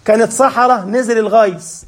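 Egyptian preacher, very high male voice, animated, rhetorical questions, slow verse recitation. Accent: Egyptian Arabic. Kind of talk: religious lesson with Quran recitation.

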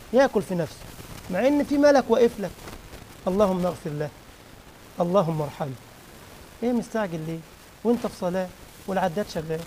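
A man with an Egyptian Arabic accent teaches a religious lesson in a mosque. His voice sits high and carries a rough, gravelly edge. He keeps the lesson lively by asking his listeners questions. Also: a little hiss or hum, low-quality recording.

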